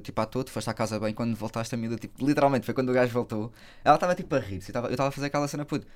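A man with a European Portuguese accent, a comedian guest telling stories in rapid, slang-heavy podcast banter. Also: mid-range voice. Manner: rapid, slangy, storytelling with laughs.

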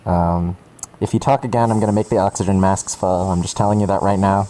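A man's voice: deep voice, fairly even intonation, a little fast, dark tone, pitched below the performer's own voice, close to an everyday voice, low-quality recording. A man voicing a laid-back airline pilot making cabin announcements in a drawling, offhand tone.

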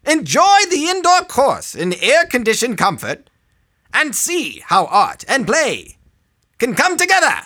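A man's voice: extremely high pitch, huge pitch swings, unhurried, sharp tone, pitched above the performer's own voice, full character voice. A man voicing a showy old-timey male announcer, reading a listing aloud in a sing-song way.

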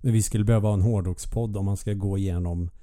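Low, dark-voiced man chatting casually. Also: steady tone. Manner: chatty, swears freely, explains at length. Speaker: podcast co-host. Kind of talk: casual chat.

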